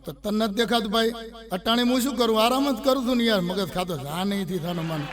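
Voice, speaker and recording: A man's voice: sits high, quick pace, crowd noise. A middle-aged man with a Gujarati accent, telling comic stories and voicing the people in them. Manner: storytelling with voiced quotes of characters. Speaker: comedian telling jokes. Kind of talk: Gujarati stand-up joke telling. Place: recording studio.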